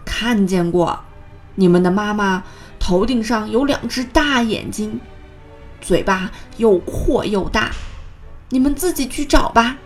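A woman voicing a helpful mother duck, a little lower and matter-of-fact. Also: slow, soft background music, lightly acted.

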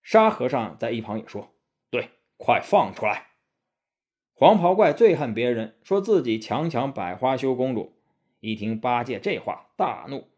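A man narrating a classic tale as a storybook for children, in a lively, expressive way. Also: mid-range voice.

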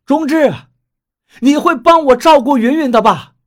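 A man voicing an anguished young man in an audiobook, shouting in a high, strained voice. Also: big pitch swings, normal speed, exaggerated voice. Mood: desperate. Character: desperate young man, crying out.

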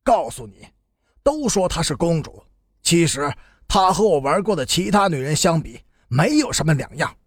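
A man's voice: a little high, sing-song, moderate pace, slightly rough, no echo, studio quality. A man voicing a bitter, cynical young brawler who sneers defiantly. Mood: vicious.

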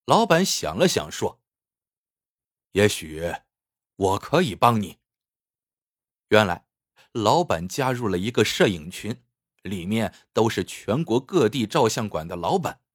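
Man, story narration, animated delivery, very lively pitch, dry close sound. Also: normal speed, breathy edge, no echo.

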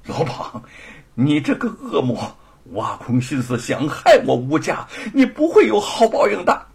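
A young wife in a spoken folk tale, put on by a man, gentle on the surface but hard inside. She pleads and then stands firm, her voice lifted high with a rough, raspy grain. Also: huge pitch swings, normal speed, heavily acted. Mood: indignant.

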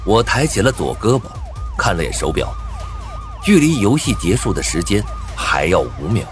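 A man's voice: lowish voice, big pitch swings, moderate pace, faint music behind. A man narrating a first-person thriller story with a dramatic, swinging delivery.

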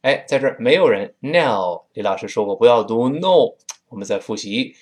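A man from Tianjin with a Tianjin accent, teaching spoken English in a chatty style and drawing out words slowly to demonstrate them. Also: mid-range voice. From Tianjin, China. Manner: drawn-out slow demonstrations of words; lively and chatty.

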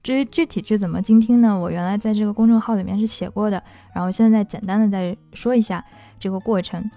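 A woman's voice: mid-range voice, steady tone, quick pace, mellow, faint music behind. A woman language teacher giving a patient explanatory talk and walking through worked examples.

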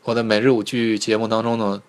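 Man, language teacher, livestream lesson, lowish voice, patient, repeats sounds slowly. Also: flat delivery. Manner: patient, repeats syllables slowly, asks viewers to type in chat.

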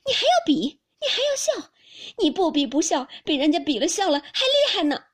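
A woman reading a classic novel aloud, voicing a sharp-tongued, touchy young noblewoman whose reproaches climb high. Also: lively intonation, unhurried. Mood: reproachful. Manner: reproachful, pitch climbs steeply.

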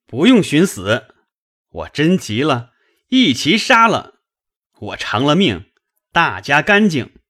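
A man voicing a drunk and angry young nobleman who blusters loudly in a storybook reading. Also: fairly low pitch, very animated, a little slow, no room sound, studio quality. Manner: blustering, loud, heavy.

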